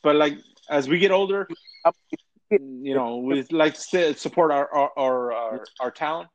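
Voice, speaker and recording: A man talks in a loose, casual way. He stammers, repeats words and swears often, in a voice pitched a touch high. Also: a little slow, lo-fi sound. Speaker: podcast guest. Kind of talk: casual chat.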